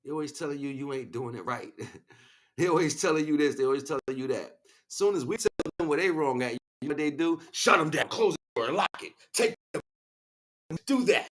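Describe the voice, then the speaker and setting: Brisk and fairly bright, this man's voice sits on the high side. As a spiritual teacher and livestream host, he gives an informal, unscripted lecture, driving points home with repeated phrases and frequently checking in with the people watching.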